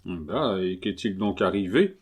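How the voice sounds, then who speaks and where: A man voicing a calm, unflappable older count who speaks in dry, unhurried remarks. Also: sits low, breathy edge, exaggerated voice. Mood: wry.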